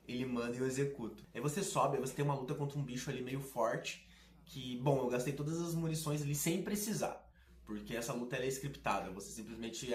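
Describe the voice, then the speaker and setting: Sarcastic man in a roomy echo. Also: medium pitch. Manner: sarcastic, slangy, animated. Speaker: gaming video host. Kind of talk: casual game commentary.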